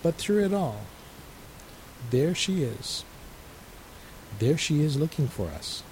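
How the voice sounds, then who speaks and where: A male resident minister giving a calm, measured radio sermon and reading a letter. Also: on the high side, slight background noise, poor audio.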